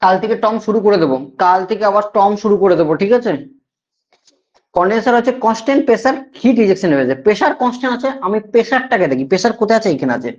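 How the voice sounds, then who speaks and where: A man's voice: sits high, animated, racing. A male teacher with a Bengali accent giving a classroom lecture, repeating key points and often checking that students follow. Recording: dull lo-fi sound.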